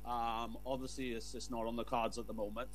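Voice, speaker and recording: A man's voice: medium pitch, level tone, a little fast, faint music behind. A man hosting a podcast in casual chat. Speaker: podcast host. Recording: clear background hum and noise.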